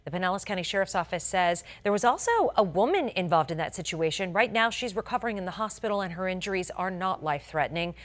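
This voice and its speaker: With a lowish, animated voice, an American woman races through a scripted local TV newscast at a fast pace with few pauses. She anchors it in a polished style, emphasizing the key words.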